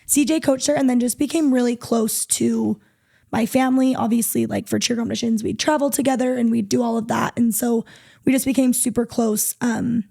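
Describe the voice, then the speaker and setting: A woman's voice: a little high, brisk, gravelly, dark tone. A woman in her twenties, a podcast guest, chatting easily and casually. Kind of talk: casual chat.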